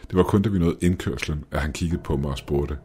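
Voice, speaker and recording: Very deep-voiced man telling a horror story. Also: dark tone, husky. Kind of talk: scripted horror story narration.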